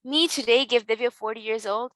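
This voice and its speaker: A woman's voice: fairly high pitch, steady tone, a little fast, no room sound, rough recording. A teenage girl speaking earnestly and reflectively as a podcast guest, with frequent ums. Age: teens. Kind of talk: podcast interview.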